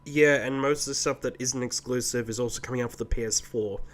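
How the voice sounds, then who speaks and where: A man's voice: mid-range voice, fairly even intonation, fast. Dry-witted man co-hosting a podcast. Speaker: podcast co-host. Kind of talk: casual chat.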